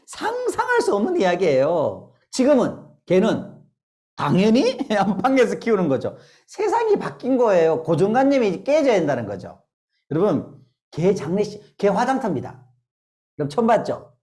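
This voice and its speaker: A woman's voice: medium pitch, warm tone. A middle-aged woman leading a laughter therapy lecture, drilling the audience with call-and-response and bursts of laughter. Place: lecture hall.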